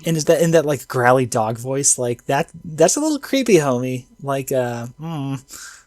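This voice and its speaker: A man chatting casually about an anime episode, excitable and slangy, full of fillers. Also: mid-range voice, moderate pace, dry recording, clean studio sound. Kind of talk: casual anime review chat.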